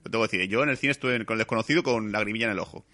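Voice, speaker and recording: A man from rattling through a film review at high speed. His voice is bright and forward. He is animated, swears and jumps into acting out scenes. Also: very fast. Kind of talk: casual chat.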